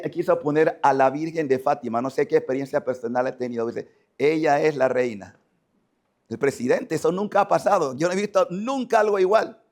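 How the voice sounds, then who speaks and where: A man from Panama, a priest preaching a lively Sunday sermon in church, who often shouts and acts out the scripture dramatically. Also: fairly high pitch.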